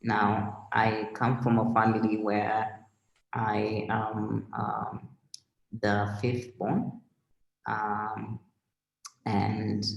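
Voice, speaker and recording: A man from Kenya with a Kenyan accent, a guest on a remote video interview, speaking in a measured way with many pauses and fillers. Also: lowish voice, gravelly, roomy sound, poor audio. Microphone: video call.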